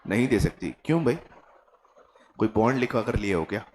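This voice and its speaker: A man with an Indian accent lectures a class in a somewhat low voice. He teaches in a chatty, joking way and keeps tossing rhetorical questions at the room. Faint ambient noise sits behind him. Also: lively intonation, brisk, low-quality recording. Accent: Indian English.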